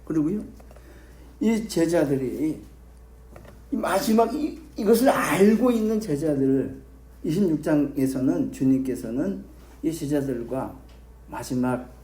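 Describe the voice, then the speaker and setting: A man's voice: medium pitch, expressive, moderate pace, dark tone, roomy sound. A male pastor preaching a sermon, questioning the congregation and repeating key phrases for emphasis. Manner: emphatic repetition.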